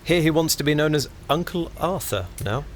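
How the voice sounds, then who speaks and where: A man's voice: on the high side, lively intonation, moderate pace, a little hiss or hum, close to an everyday voice. A man playing a teasing 1920s radio colleague. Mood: gossipy. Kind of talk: amateur radio play acting.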